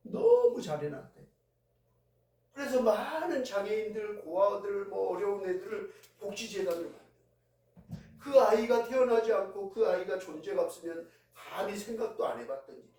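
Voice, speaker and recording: A man preaching in a church, his voice pitched high yet soft and mellow. He tells the story in an easy, conversational way. The sound is very echoey, with the voice coming from well back from the microphone. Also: very animated, normal speed. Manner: conversational storytelling, recounting events with feeling. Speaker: pastor. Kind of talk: sermon. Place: church sanctuary. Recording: very echoey hall, voice heard from a distance.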